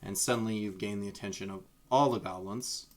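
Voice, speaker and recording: A man's voice: lowish voice, fairly even intonation, a little fast. A man running a live tabletop game as dungeon master, talking casually and rambling through restarts and fillers.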